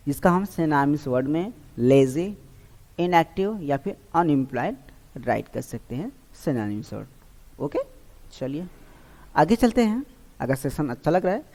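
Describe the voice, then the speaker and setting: Mellow-voiced male teacher in a reverberant room. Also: fairly high pitch. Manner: quizzes himself aloud and repeats each answer. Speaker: English vocabulary teacher. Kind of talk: online exam-prep lesson. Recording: long hall-like reverb.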